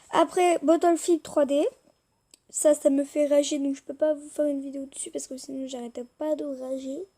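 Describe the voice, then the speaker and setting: Young woman, high voice, mellow tone, hesitant filler-heavy chat, tablet mic. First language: French. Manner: rambling, hesitant, many fillers. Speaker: YouTuber showing her tablet apps. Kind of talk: casual screen-recorded chat.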